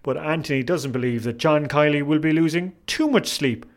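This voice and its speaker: A man's voice: on the high side, moderate pace. An Irish-accented man hosting a sports podcast, reading scripted links and sponsor messages. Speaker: podcast host.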